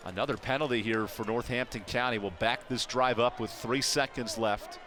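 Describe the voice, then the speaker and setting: A man's voice: mid-range voice, fairly even intonation, normal speed. An American man giving live football commentary as a play-by-play announcer. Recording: clear outdoor stadium noise. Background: outdoor stadium ambience.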